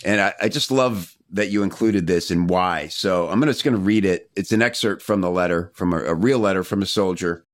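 A man's voice: deep voice, brisk, hardly any pauses, dry recording, studio quality. A man hosting a podcast interview, chatting casually with frequent "you know" fillers. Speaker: podcast host.

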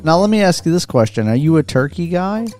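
A man's voice: on the high side, very animated, brisk, a little mellow, faint music behind. A man co-hosting a radio show, bantering casually. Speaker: radio co-host.

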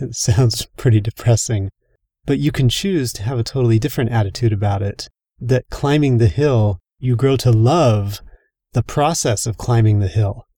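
A man co-hosts a casual podcast and talks through an idea in a thoughtful, reflective way. His voice is mellow and dark at a middle pitch. The recording is dry and close. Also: no room sound. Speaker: podcast co-host.

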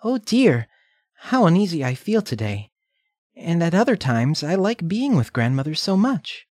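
Man doing a high, eager little girl, polite and naive, storybook. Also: sing-song, a little slow, darkish tone, no echo, clean studio sound. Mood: musing. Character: sweet innocent little girl.

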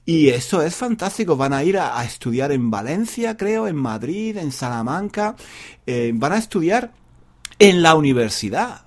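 A man, a university Spanish teacher, talking slowly and repeating each phrase for learners in a playful, joking way. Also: on the high side, sing-song. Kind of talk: slow, repetitive Spanish practice monologue for learners.

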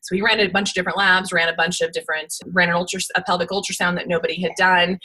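Female podcast guest, 40s, smoker's rasp, bright forceful edge, candid and emphatic storyteller. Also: fairly low pitch, little pitch movement, fast, rough recording. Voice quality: smoky, raspy, like a smoker's rasp. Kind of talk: candid personal storytelling in conversation.

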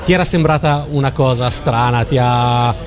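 A man co-hosts an interview with conversational questions. His pitch is average for a man. Music is clearly audible behind his voice. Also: moderate pace. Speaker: interview co-host.

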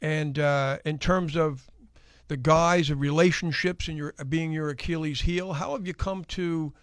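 Stammering man hosting, slightly high voice. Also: fairly even intonation, no room sound, studio quality. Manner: halting, stammering questions. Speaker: talk show host. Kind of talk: studio interview.

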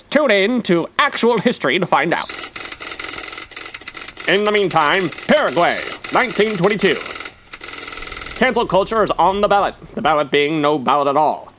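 Man, high-pitched, mock newsreel announcer, dry wry delivery. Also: a bit bright. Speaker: radio show host. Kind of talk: comic mock-newsreel narration.

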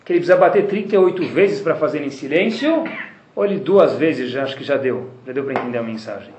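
A man with a Brazilian Portuguese accent, teaching a religious class as a lively storyteller who keeps addressing his listeners with rhetorical questions. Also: mid-range voice, fast talker. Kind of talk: lecture to a class. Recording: roomy, with faint background noise.

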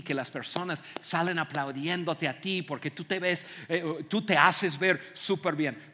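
A man preaches to an auditorium, his voice sitting high and carrying a long reverberant tail from the hall. He acts out everyday scenes with lively energy and often stumbles into repeated words. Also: breathy edge. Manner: animated, acts out scenes, frequent stammered repeats. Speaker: pastor. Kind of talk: sermon. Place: large auditorium.

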